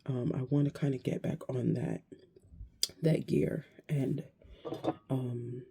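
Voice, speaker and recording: A woman in her thirties talking to camera in a casual, reflective vlog, hesitant and searching, with many pauses and restarts. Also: extremely low pitch, steady tone, gravelly, dark tone, a little hiss or hum. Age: 30s. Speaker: vlogger.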